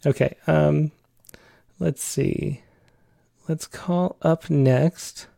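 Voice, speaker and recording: Guy hosting a poetry show, kinda hesitant and chatty, creaky voice, very dry recording. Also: on the high side, steady tone, drawn-out words, warm tone, no room sound. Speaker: host of online poetry show. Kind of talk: casual hosting and poem reading.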